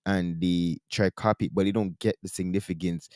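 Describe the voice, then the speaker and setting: A man speaks in a low, mellow voice with a Toronto slang accent touched by Caribbean speech. He comments casually and with strong opinions, repeating points for emphasis. The recording is close and dry. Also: steady tone, brisk, no room sound. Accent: Toronto, with Caribbean-influenced slang. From Toronto, Canada. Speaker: commentary video host.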